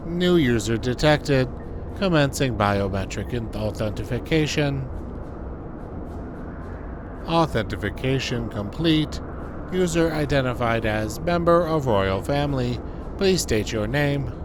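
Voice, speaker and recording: A man putting on a robot voice for a dutiful male control terminal, speaking in clipped monotone announcements. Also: mid-range voice, slow, background noise. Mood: robotic. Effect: robot voice done by mouth, no filter. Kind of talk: voicing game dialogue while playing.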